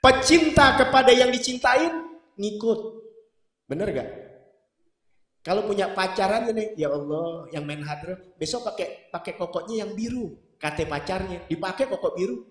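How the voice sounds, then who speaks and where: A man's voice: high voice, moderate pace, a little mellow. A middle-aged man preaching a sermon, mixing in jokes and acting out couples' dialogue. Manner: humorous, acts out quoted couples. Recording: echoey hall sound.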